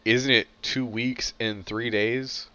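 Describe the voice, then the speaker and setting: A man's voice: mid-range voice, steady tone, takes it slowly, sharp tone, clear, resonant tone, no echo. A man co-hosting a casual podcast chat, teasing dryly. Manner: dry teasing. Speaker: podcast co-host. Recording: dull lo-fi audio.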